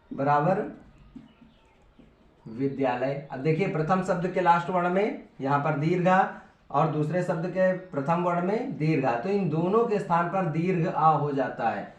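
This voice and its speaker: Echoey high-voiced male teacher. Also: moderate pace, dull audio. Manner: patient, repetitive, checks in with "ठीक है". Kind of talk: classroom grammar lesson at a board. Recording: echoey room, voice from far off.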